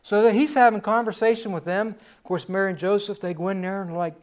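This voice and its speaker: A man's voice: sits high, steady tone, quick pace. A middle-aged man preaching a sermon in a folksy storytelling way, with personal asides.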